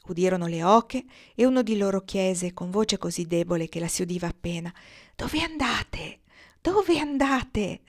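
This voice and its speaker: Woman reading a storybook aloud. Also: lowish voice. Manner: measured, expressive narration. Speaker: audiobook reader.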